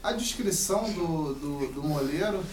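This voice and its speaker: A man's voice: a little high, expressive, moderate pace, a little mellow, a little hiss or hum. A man in a university class discussion explaining a point casually with examples, heard from a distant mic in a roomy classroom. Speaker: student.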